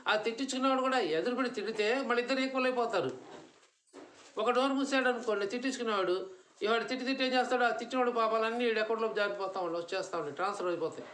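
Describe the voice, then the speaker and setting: A satsang speaker with a very high, slightly bright voice gives a devotional discourse at a home gathering. He answers his own rhetorical questions and slips English words into his talk.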